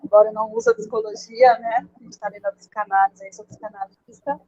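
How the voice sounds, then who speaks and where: A woman's voice: fairly high pitch, fast talker, warm tone, dull audio. A woman panelist introducing herself informally on a live online discussion. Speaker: psychoanalyst, panelist.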